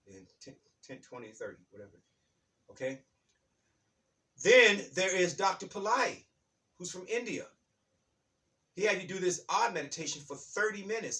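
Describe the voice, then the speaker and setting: A man's voice: a little high, a bit bright. A man hosting his own spiritual self-help channel. He talks in a rambling, repetitive way and often restarts his phrases. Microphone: self-recorded on his own device. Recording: voice distant from the microphone.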